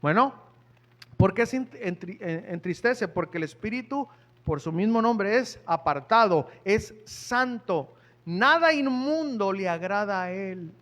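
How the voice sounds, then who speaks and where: A man's voice: high-pitched, lively intonation, a little slow, fairly bright tone. A man preaching a sermon in church, talking conversationally and asking the congregation questions.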